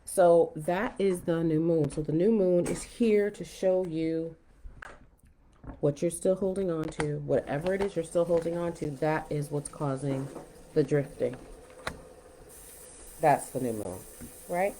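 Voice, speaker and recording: A woman's voice: low voice, unhurried, long pauses, mellow, a little hiss or hum. A woman giving a mystical, conversational horoscope and tarot reading, musing aloud and often checking in with the listener. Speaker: tarot reader hosting a forecast. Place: at home, indoors.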